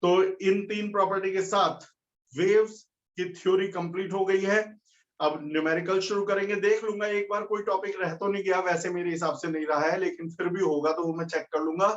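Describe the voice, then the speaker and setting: A man's voice: high-pitched, fairly even intonation, moderate pace. A man teaching a physics class, explaining step by step and asking his students questions. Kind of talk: classroom lecture. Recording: dull lo-fi recording.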